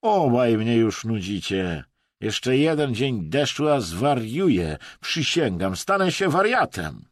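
A man's voice: mid-range voice, big pitch swings, takes it slowly, dry recording, clean studio sound. A man voicing a whiny, hysterical male traveller with a tearful voice, reading an audiobook. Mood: whining. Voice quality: tearful, whining.

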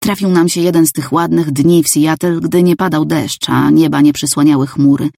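A woman reading a novel aloud in first person, calm and even. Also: low-pitched, moderate pace, vocal fry, no room sound, clean studio sound. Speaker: audiobook narrator. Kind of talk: scripted first-person narration.

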